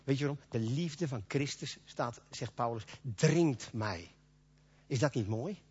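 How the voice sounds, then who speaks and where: A man's voice: mid-range voice, animated, a little slow, a little mellow, husky. A man preaching a sermon in a folksy, conversational way, acting out little quoted dialogues. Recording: dull lo-fi recording.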